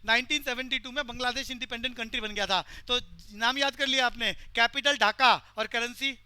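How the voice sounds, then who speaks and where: A male teacher lecturing a class and pressing the students for quick answers. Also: very high voice, steady tone, pushed and bright, clear, resonant tone, no echo.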